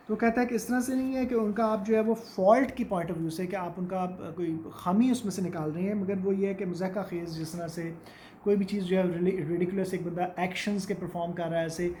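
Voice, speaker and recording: A woman teacher giving a lecture, explaining a text in Hindi-Urdu and reading English passages slowly. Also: mid-range voice, darkish tone, slight background noise. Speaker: literature teacher.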